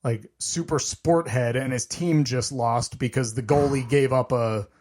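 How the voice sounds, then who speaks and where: A man's voice: mid-range voice, measured pace, darkish tone. A man co-hosting a podcast, answering in a laid-back, dry way with short replies and some hedging. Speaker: podcast co-host. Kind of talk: casual chat.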